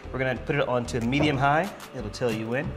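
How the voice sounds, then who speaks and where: An energetic man in his thirties hosts a cooking segment, steering his guest with quick friendly commands. His voice sits mid-range, recorded on a lapel mic in a studio kitchen. Clear background music runs underneath. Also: mid-range voice, poor audio. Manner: upbeat, directive, chatty. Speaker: cooking show host. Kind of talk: instructing a guest while cooking.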